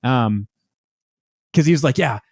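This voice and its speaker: A man co-hosts a casual podcast, recapping a sitcom episode in an everyday voice. He often leaps up into a high register to quote the characters. The sound is close and dry, with no room echo. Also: a little fast. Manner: animated, jumps into high pitch to quote lines. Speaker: podcast co-host.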